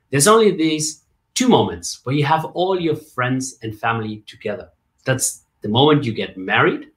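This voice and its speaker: Lively German-raised man telling his story. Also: mid-range voice. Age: 40s. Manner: lively storyteller, jokes and rhetorical asides. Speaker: guest, communication coach and MC. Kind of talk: casual interview on a video call.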